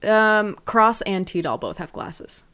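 A woman's voice: medium pitch, expressive, slow pace, fairly bright tone, clean tone. A woman co-hosting a podcast, chatting casually and giggling often. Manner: giggly, chatty, many fillers. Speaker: podcast co-host. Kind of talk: casual chat about an anime.

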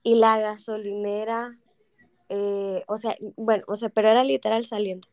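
A woman's voice: medium pitch, normal speed, clean tone, dry recording, clean studio sound. A woman, casually telling family stories on a podcast and acting out the people she quotes. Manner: animated, acts out quoted voices. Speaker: podcast co-host. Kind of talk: casual storytelling chat.

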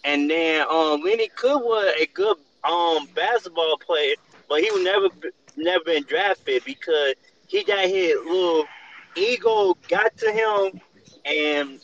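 A man's voice: on the high side, unhurried, a bit bright, muffled recording, slight background noise. Man rambling through a sports story. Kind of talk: casual chat.

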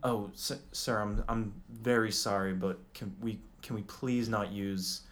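A man's voice: lowish voice, steady tone, measured pace, fairly bright tone. A man playing a formal, hesitant tech support agent in a comedy skit. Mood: apologetic. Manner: stiff formal politeness, hesitant. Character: overly polite male tech support agent.

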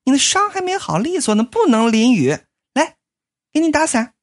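A woman's voice: high voice, big pitch swings, normal speed, pitched above the performer's own voice. A woman voicing a coy, scatterbrained young maid who talks in a coquettish, giggly sing-song, in comic storytelling. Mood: sweet.

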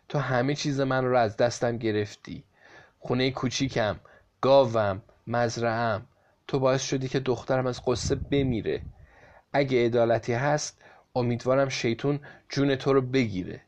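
A frail, poor old woman full of bitter grief, hurling accusations, voiced by a male storyteller. The voice sits at a middling pitch. The recording is slightly muffled and lo-fi. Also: darkish tone, close to an everyday voice.

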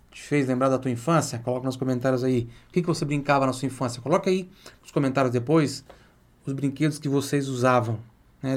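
A man's voice: medium pitch, a little mellow. Brazilian man teaching Italian pronunciation. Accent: Brazilian Portuguese. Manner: drills words slowly, asks viewers to repeat aloud; chatty, addresses viewer directly. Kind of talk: online language lesson.

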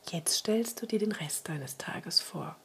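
A woman leads a guided relaxation in a soft spa whisper. Her voice is very breathy and husky, with some creak at the edges. She gives each instruction slowly and soothingly, leaving room to breathe. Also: on the low side, animated.

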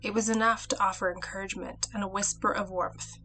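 A woman hosting a podcast and reading her own folktale retelling in a clear, measured way. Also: mid-range voice, fairly even intonation, bright, forceful tone, poor audio. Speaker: podcast host and storyteller.

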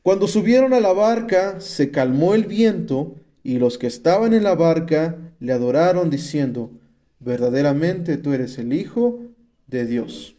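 A man with a Mexican accent preaches a testimony sermon, slangy and emphatic as he reads scripture and explains it. His voice sits high yet sounds mellow and warm, never sharp. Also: expressive, unhurried. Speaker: speaker at a rehab center.

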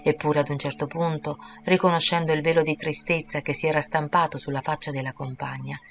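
A woman reads an audiobook chapter in a calm, measured narration. Her voice sits low for a woman. Clear music plays under her reading. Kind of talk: scripted narration.

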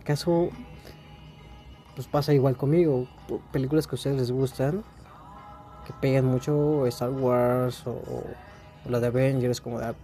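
Mexican guy rambling casually, mellow low-key voice, faint music behind. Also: fairly even intonation, unhurried, long pauses. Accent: Mexican Spanish. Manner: rambling, laid-back, slangy. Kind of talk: casual monologue.

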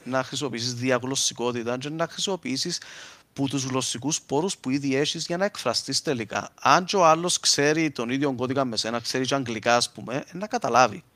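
A man speaks in an informal, explanatory way with a clear Cypriot Greek accent. He moves between dialect and more formal terms as he gives examples. The sound is dry, with very little room in it. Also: mid-range voice, a bit bright, no room sound. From Cyprus. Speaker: linguist speaker.

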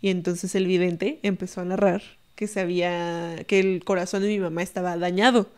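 A young adult woman with a Mexican accent, telling a story in a casual, animated way and acting out other people's voices. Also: fairly low pitch, normal speed, smooth. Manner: animated, tags lines with "¿no?", acts out quoted voices. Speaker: podcast guest storyteller.

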